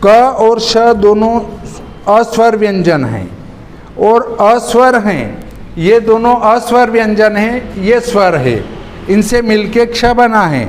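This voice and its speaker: Man, teacher, deliberate word-by-word spelling lesson, unhurried, long reverb, faint background noise. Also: high-pitched, expressive. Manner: slow, deliberate, spells out words one by one.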